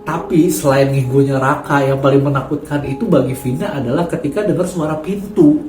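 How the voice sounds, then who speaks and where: A man's voice: medium pitch, a little fast, darkish tone. A man hosting a horror story channel, chatting casually and addressing his listeners directly. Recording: echoey room, faint music.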